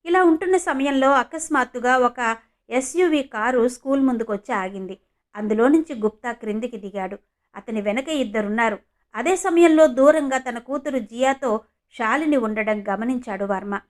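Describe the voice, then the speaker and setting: A woman reading a scripted story as narrator, in an even storytelling manner. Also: a little high, moderate pace.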